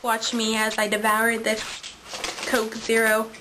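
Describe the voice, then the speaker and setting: A woman's voice: fairly high pitch, completely flat delivery, measured pace. A young woman chatting casually and playfully to camera, giggly as she banters with a friend during a contest. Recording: noisy amateur home recording with clicks.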